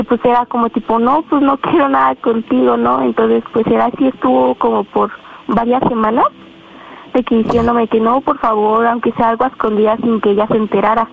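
A woman's voice: a little high, creaky. A teenage girl with a Mexican accent calling in to a radio show, hesitant and full of fillers. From Estado de México. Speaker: caller. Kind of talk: telling her story to a radio host. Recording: tinny phone line with faint noise.

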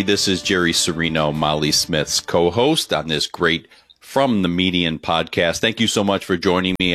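Man, very low voice, dry close sound, earnest podcast co-host. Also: a bit bright, no echo. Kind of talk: podcast interview.

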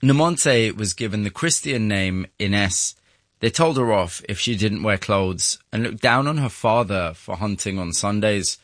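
A man hosting and narrating in a studio, with a measured storytelling delivery. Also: on the low side, fairly bright tone, dry recording. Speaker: host and narrator. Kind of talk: scripted documentary narration and interviewing.

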